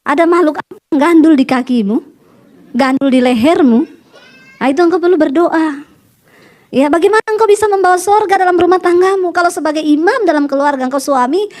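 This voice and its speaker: A woman pastor preaching a sermon, telling stories dramatically and pressing her points with forceful, punchy emphasis. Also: sits high. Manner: dramatic storytelling, acting out voices in quotes; forceful, punchy exhortation with sudden slow emphasis.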